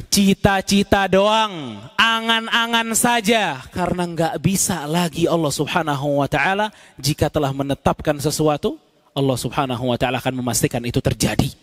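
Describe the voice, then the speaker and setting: A man preaching a sermon with passion, swinging from pleading cries to low, solemn asides. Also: normal speed, fairly bright tone.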